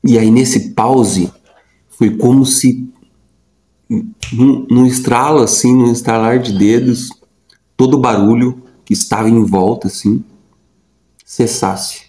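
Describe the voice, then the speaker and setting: A man's voice: medium pitch, fairly even intonation, takes it slowly, long pauses, mellow, echoey room, rough recording. A young adult man telling a personal story in a casual, rambling way, with lots of fillers and repeated words. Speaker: vlogger.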